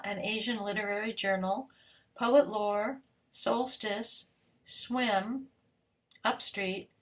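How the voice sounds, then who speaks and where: A woman opens a poetry reading on a video call, welcomes everyone and reads the guest's credits in an even, unadorned tone. Her voice sits at an average pitch for a woman and comes through a computer mic. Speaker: host and event organizer. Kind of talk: introducing readers at a poetry event.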